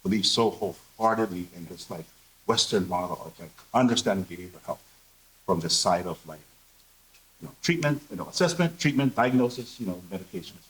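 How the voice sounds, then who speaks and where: A man's voice: low voice, expressive, a little fast, rough recording. A man speaking candidly on a conference panel, earnest and full of fillers. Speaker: panelist, behavioral health professional. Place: conference room.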